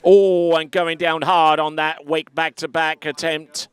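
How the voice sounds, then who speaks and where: A man giving live water ski commentary in a measured way, with frequent fillers. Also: on the high side, flat delivery, smooth.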